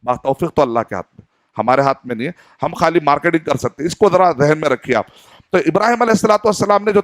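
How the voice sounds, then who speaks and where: A middle-aged preacher from Hyderabad, India, teaching in an earnest way, asking questions and playing out little exchanges. His voice sits a bit high for a man. It is close-miked and very dry, with no room sound. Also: no echo. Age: 40s. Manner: earnest teaching tone, poses questions and acts out dialogue. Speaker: Islamic preacher. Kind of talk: sermon.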